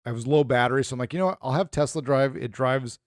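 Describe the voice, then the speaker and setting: This podcast co-host, a middle-aged man with a mid-range voice, talks fast through animated, meandering anecdotes, doing the voices of everyone involved. The sound is clean studio audio without echo.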